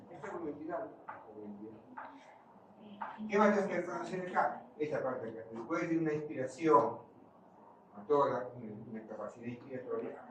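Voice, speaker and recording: Man lecturing in an echoey, noisy classroom. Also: fairly high pitch. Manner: quizzes the class and answers his own questions. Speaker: physiology lecturer. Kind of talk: classroom lecture with questions to students. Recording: far-off mic in an echoey room, noisy.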